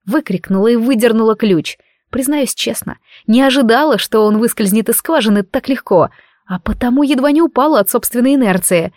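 A woman reading a first-person fantasy story aloud with expressive, emotional delivery. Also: a little high, dry recording, clean studio sound. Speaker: audiobook narrator.

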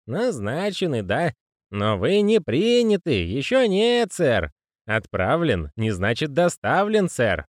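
Male narrator putting on a deferential old postman, raspy and wheezy, high, lively pitch, dry studio sound. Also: takes it slowly, no echo, exaggerated voice. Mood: fussy, earnest. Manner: deferential, says sir constantly. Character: old male postman, fussy, pious, eager. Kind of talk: audiobook character voicing.

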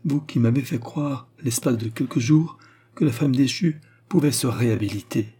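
A man's voice: medium pitch, moderate pace, mellow, breathy edge, lightly acted. A man voicing a tearful young woman who pleads emotionally with her lover. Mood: pleading.

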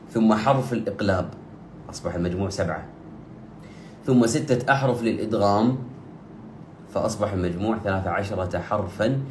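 A man teaching Quran recitation rules, explaining steadily and slowing down for drawn-out recited examples. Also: on the low side, a little mellow, reverberant, a little hiss or hum. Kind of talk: tajweed lesson with slow demonstrations.

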